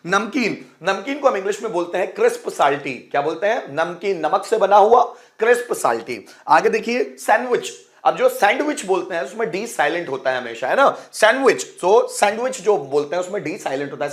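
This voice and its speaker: Male tutor, high voice, quizzes each word back, spells terms out slowly, friendly teacher. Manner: repeats each word with a quiz-style question; spells words out letter by letter slowly. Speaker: English teacher. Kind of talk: bilingual vocabulary lesson.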